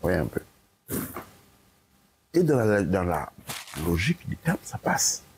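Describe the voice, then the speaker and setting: Speaking slowly in a low, somewhat mellow sing-song voice, an Italian guest lecturer answers interview questions emphatically and repetitively, frequently checking "ok?". A little hiss or hum sits in the recording.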